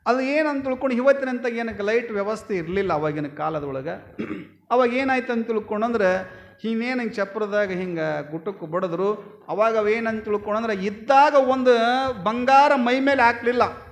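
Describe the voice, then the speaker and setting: A man giving a storytelling sermon as a swami, swinging between loud exclaiming and low murmuring. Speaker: swami preacher.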